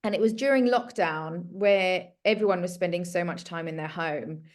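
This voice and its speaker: A home organiser in her thirties, originally from South Africa, joins as a guest for a casual, earnest conversation about her work and her story. Her voice sits on the low side, at normal speed.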